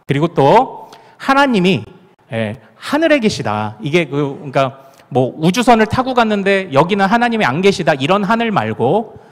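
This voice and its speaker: Male pastor with Gyeongsang accent, family sermon, playful, lively up-and-down delivery, echoing hall. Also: fairly high pitch. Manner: playful, acts out dialect lines and laughs. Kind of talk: family prayer-meeting sermon. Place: church sanctuary. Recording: long hall reverb.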